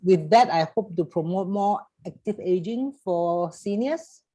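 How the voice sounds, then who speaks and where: Slow-talking Singaporean woman, chatty. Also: fairly low pitch. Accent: Singaporean English. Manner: relaxed, chatty, joking. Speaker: founder of a seniors' drama group. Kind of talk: casual panel talk.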